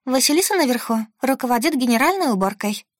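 Narrator doing a bright cheerful young woman in a storybook, light and amused, dry sound. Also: high-pitched, expressive, fast talker, no room sound, voice pushed up.

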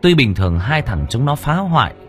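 A man narrating an audiobook story in a lively, expressive reading. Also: mid-range voice, normal speed, faint music behind.

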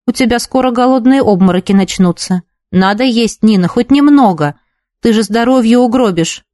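A woman voicing a calm, firm female boarding-school supervisor in a storybook reading, speaking in a level, gently firm way. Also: on the high side, normal speed, no echo, lightly acted.

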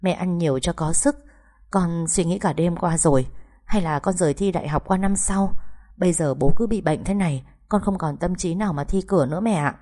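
A frightened, dutiful teenage girl who is about to sit her exams, read by a woman narrator. Her voice is mellow and fairly low, and she speaks politely and pleadingly. Audiobook storytelling. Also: brisk, natural voice. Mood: worried, pleading. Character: anxious teenage daughter preparing for university exams.

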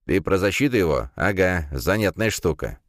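A man's voice: low voice, animated, normal speed, dry recording, clean studio sound, pitched above the performer's own voice. A man voicing a grumbling, skeptical middle-aged professor of artifacts in an audiobook.

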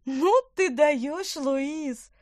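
A bossy, excitable young girl shrieks in a very high storybook voice, performed by a woman. She sounds loud and exasperated, recorded dry and close. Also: takes it slowly, no echo, full character voice.

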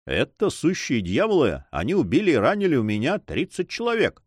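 A man's voice: medium pitch, wildly swooping pitch, fairly quick, breathy edge, no room sound, clean studio sound, voice pushed up. A man doing a smug boastful sea captain. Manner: self-satisfied, swaggering. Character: boastful Spanish coast guard captain, man.

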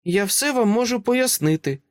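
A serious little girl with a light British accent speaks slowly and calmly, as a man reads her part. Her voice sits high and earnest, and every word sounds measured. The reading is dry and close, with no room sound. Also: no room sound. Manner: calm, composed and earnest. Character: serious seven-year-old girl, calm and precise.

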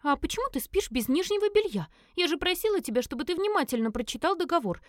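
Brief: woman doing a flustered young woman thief, high and squeaky, dry close sound. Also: big pitch swings, fast talker, no room sound. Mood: indignant. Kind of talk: audiobook character voicing.

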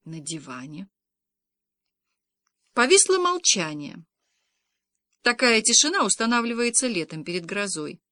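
A woman reading a comic novel aloud in lively first-person storytelling, doing the voices of the characters. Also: a little high, normal speed, no echo, studio quality. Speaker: audiobook reader.

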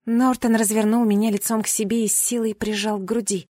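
A woman reading a first-person fantasy audiobook with expressive, dramatic storytelling. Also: mid-range voice, quick pace, dry recording, clean studio sound. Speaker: audiobook reader.

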